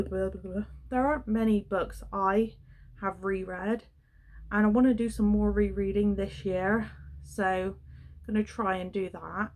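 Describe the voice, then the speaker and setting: A young woman with a sore, croaky throat, chatting casually as she reviews a book for her vlog, rambling and correcting herself as she goes. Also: mid-range voice, a little mellow.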